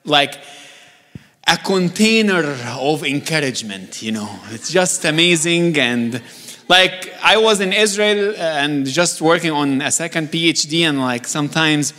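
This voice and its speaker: A man's voice: a little high, expressive, a little slow, bright, forceful tone. A man from Egypt, preaching a sermon as a guest, joking at times and building to emphatic, urgent calls. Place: church sanctuary. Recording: long church reverb.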